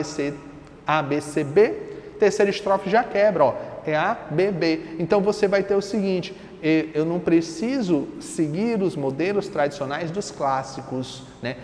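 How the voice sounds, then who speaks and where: A man's voice: fairly high pitch, a little mellow. A man with a Brazilian accent teaching a literature lesson in a conversational, explanatory way, asking frequent rhetorical questions. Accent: Brazilian Portuguese. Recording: reverberant room with faint noise.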